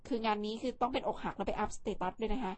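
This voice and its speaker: A woman's voice: fairly high pitch, fairly even intonation, rapid-fire. A woman hosting a vlog in a casual, chatty way, playful and teasing as she talks. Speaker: vlog host.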